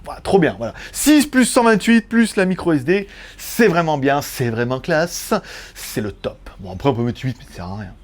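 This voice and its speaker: A man's voice: a little high, sing-song, normal speed. A man casually reviewing a smartphone, chatty and joking, with plenty of fillers and asides. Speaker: tech reviewer.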